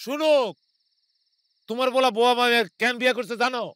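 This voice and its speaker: A man's voice: very high voice, steady tone, a little fast, bright, forceful tone, smooth, no echo. An actor playing a bitter village man who mocks a marriage in a TV drama. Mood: scornful. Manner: scornful and mocking. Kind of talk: TV drama acting.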